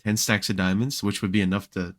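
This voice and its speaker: A young man with a lowish voice chats casually as a podcast guest, rambling through stories with many fillers and restarts. His voice is recorded close and dry, with no room sound. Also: fairly quick, no room sound. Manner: relaxed storytelling with frequent fillers and restarts. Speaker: podcast guest, Minecraft creator.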